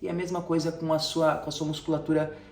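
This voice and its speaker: A man's voice: on the high side, little pitch movement, quick pace, darkish tone. A man, a sales coach who teaches by listing numbered tips and giving everyday examples. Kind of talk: spoken sales tips to camera. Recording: roomy echo, distant mic, faint music.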